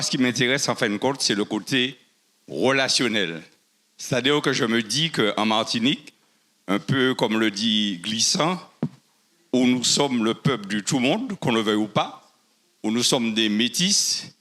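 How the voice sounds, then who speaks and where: A man speaking in a measured, reflective way at a public debate. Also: medium pitch, fairly bright tone.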